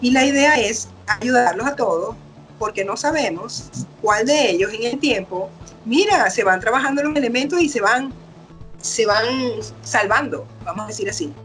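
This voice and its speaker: A woman's voice: a little high, expressive, normal speed, a bit bright, soft background music. A middle-aged woman doctor, explaining patiently in an interview. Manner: patient, explanatory, acts out quoted parents and children. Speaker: doctor, guest expert. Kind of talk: explaining casual interview talk.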